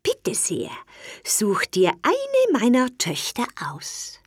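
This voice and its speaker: A woman voicing a kind, wise old female toad from a storybook, speaking in a soft, whispery voice. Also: fairly high pitch, wildly swooping pitch, takes it slowly, husky, no echo, studio quality, pitched above the performer's own voice, heavily acted. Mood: gentle.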